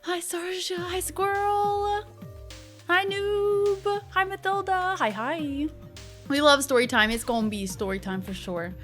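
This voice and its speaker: Picture a female livestream host with a high voice and a playful gamer-girl manner, talking a little slowly as she chats with viewers in a bubbly, chirpy way. Background music plays softly behind her.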